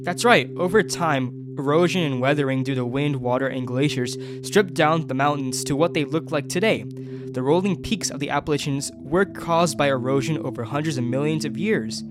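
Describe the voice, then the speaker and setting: A man's voice: fairly high pitch, normal speed, music in the background. A young man vlogging a mountain hike, enthusiastically explaining geology and nature outdoors. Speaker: travel vlogger. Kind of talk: educational hiking vlog.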